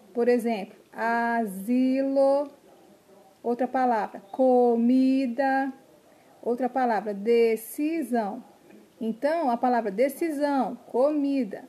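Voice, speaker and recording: With a mellow, slightly high voice, a woman teaches young children remotely as a primary school teacher. She spells out each syllable separately and keeps checking whether the kids can follow.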